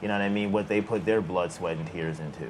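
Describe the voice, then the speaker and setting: A man's voice: low voice, fairly even intonation, fast talker, noisy background. A man hosting a podcast, laid-back and chatty, often asking "you know what I mean". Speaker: podcast host. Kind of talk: casual conversation.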